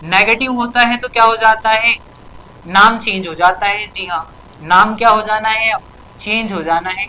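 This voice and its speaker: A woman's voice: medium pitch, moderate pace, sharp tone, slight background noise, rough recording. A woman teaching a chemistry lesson for exam prep, asking a question and then answering it herself, adding a tag question after many sentences. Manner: keeps asking and answering her own questions.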